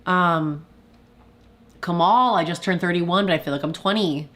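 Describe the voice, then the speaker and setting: A woman's voice: lowish voice, fairly bright tone. Chatty young woman live-streaming. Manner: chatty, confessional, with frequent "like" and quick laughs; reads viewer comments aloud. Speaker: YouTuber hosting a live stream. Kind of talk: casual live-stream chat.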